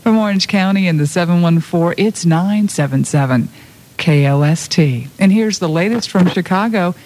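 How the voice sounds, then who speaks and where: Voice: mid-range voice, moderate pace, darkish tone. A love songs radio host talking between records and inviting listeners to call in. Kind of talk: soft-format radio DJ talk, inviting call-ins.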